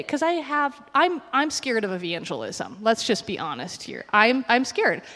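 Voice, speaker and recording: A woman preacher telling stories in a sermon, chatty and animated, acting out the dialogue. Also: fairly high pitch, big-room sound. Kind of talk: sermon storytelling.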